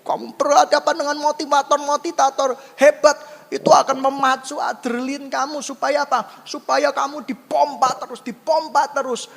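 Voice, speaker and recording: A male pastor preaching a sermon, swinging between loud high exclamations and low hushed asides. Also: creaky, long reverb tail.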